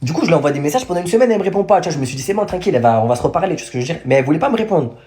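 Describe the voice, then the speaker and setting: Fast-talking young man with a cold. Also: fairly high pitch, expressive, dark tone. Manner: fast slangy storytelling, laughing at himself. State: stuffy with a cold. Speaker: vlogger. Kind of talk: casual storytime.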